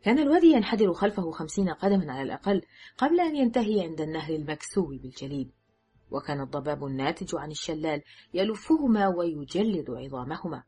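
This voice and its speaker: A woman narrating an audiobook thriller in a measured, dramatic reading. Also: sits low, animated, mellow, slightly rough, soft background music. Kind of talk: scripted narration.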